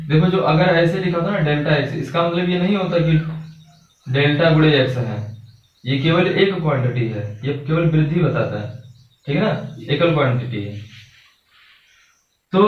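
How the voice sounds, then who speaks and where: A male teacher gives a classroom math lesson in a fairly high voice. He keeps asking his students questions and echoing their answers, and he draws out notation slowly. He is heard from far off in a very echoey room, on a dull, lo-fi recording with birds outside. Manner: drawls and spells notation out slowly. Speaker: subject teacher.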